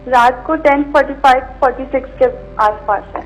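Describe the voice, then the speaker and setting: A woman's voice: high voice, muffled recording, soft background music. A woman calling in over a landline phone, politely asking an astrologer short questions. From Pakistan. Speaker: caller.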